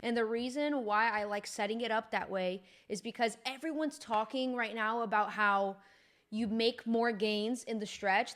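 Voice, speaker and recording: A woman's voice: mid-range voice, a bit bright. A young woman fitness coach explaining gym technique in a chatty, upbeat, informal way. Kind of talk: casual instructional talk.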